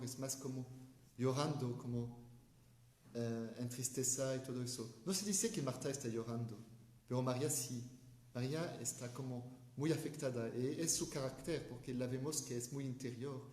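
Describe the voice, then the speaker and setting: A man, a religious brother, giving an informal Bible commentary in a thoughtful, hesitant way, often pausing and restarting to find his words. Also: medium pitch, darkish tone. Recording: echoey room.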